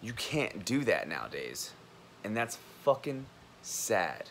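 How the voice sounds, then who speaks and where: Profane, animated young man ranting. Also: lowish voice, slow, slight background noise. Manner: profane, blunt, heated; animated, acts out others' lines. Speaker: college student and army veteran. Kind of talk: ranting vlog monologue.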